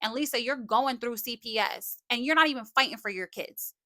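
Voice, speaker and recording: A woman's voice: on the high side, brisk, sharp tone, dry recording, clean studio sound. A woman giving confrontational live commentary, sarcastic and scolding, with plenty of swearing. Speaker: streamer commenting on a livestream feud.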